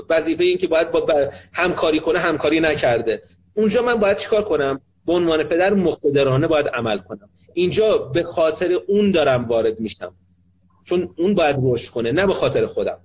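A man's voice: a little high, slight background noise. A middle-aged man, a sociologist and family counselor, gives a talk on parenting and often asks rhetorical questions, then answers them himself. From Iran.

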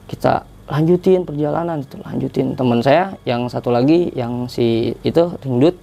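A young man tells a story on a podcast in an easy, chatty way, and his sentences wander. His voice is low and mellow with a gravelly edge, and his pitch sits in a middle range. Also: moderate pace. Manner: chatty, rambling, with many filler tags. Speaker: guest telling a hiking story.

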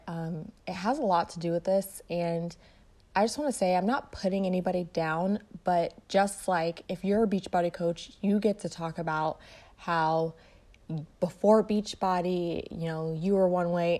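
This Detroit, Michigan woman in her twenties hosts a casual solo podcast as a fitness and mindset coach. Her voice is lowish with a darkish tone, soothing as she rambles along, using lots of fillers.

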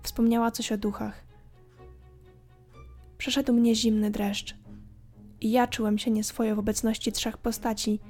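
A woman narrating a scripted horror story in a calm, measured way. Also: a little high. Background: faint background music.

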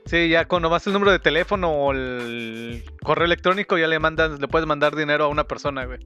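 A man's voice: on the high side, fast talker, pushed and bright, clear, resonant tone, soft background music. A man chatting casually with slangy, profane phrasing. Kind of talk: casual chat.

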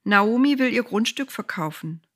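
A woman voicing a middle-aged male landowner who is calm and shrewd, calling out loudly to gathered men. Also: a little high, normal speed, breathy edge, pitched above the performer's own voice.

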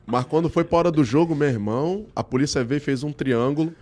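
A man's voice: on the high side, fast talker. A man with a Brazilian Portuguese accent from Rio, telling anecdotes in slangy, casual chat as an interview guest. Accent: Brazilian Portuguese, Rio de Janeiro. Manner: slangy, animated storytelling. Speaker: guest, celebrity look-alike and comedy performer.

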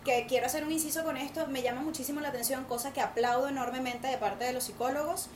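A woman with a Venezuelan accent co-hosting a casual chat, animated and slangy, often acting out what people say. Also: sits high, fast. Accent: Venezuelan Spanish. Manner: animated, slangy, acts out quoted voices. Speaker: podcast co-host. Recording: echoey room with background noise.

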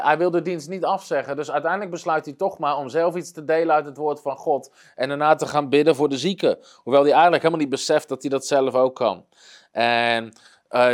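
A man preaching, retelling a story earnestly, with frequent hesitations. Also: a little high. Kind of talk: storytelling sermon.

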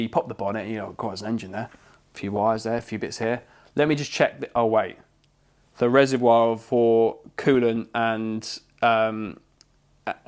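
Chatty English man telling a story. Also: mid-range voice. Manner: animated, swears freely, quotes people in his story. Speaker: podcast co-host. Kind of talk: casual storytelling chat.

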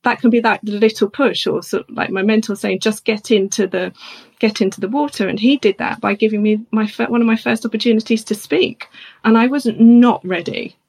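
A middle-aged woman, a coach and speaker, telling a personal story in an animated conversational way. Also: fairly high pitch, brisk, vocal fry, slightly rough. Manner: animated, acts out other people's voices in her anecdotes.

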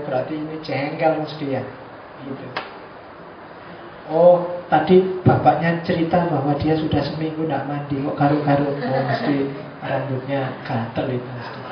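A man's voice: fairly high pitch, recorded from a distance. A male university lecturer, giving a chatty, joking class lecture and acting out examples. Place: lecture room. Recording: echoey room from afar, dull lo-fi, background noise.

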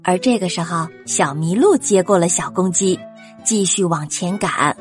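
A woman narrating a children's story, gently speaking to young listeners. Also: on the low side, normal speed, faint music behind. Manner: gentle, addresses children directly.

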